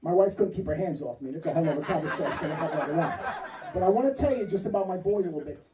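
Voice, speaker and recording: A man's voice: fairly high pitch, animated, racing, reverberant, noisy background. Rambling, profane male stand-up comic. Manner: rambling, profane, cuts off hecklers. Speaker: stand-up comedian. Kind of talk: stand-up routine. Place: comedy club stage. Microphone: handheld stage mic. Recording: distant mic, loud crowd laughter.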